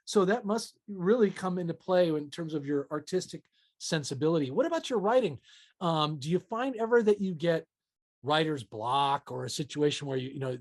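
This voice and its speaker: A man's voice: on the high side, a little mellow. A man hosting an interview, asking questions in a rambling, enthusiastic way with many fillers like you know. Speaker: interview host.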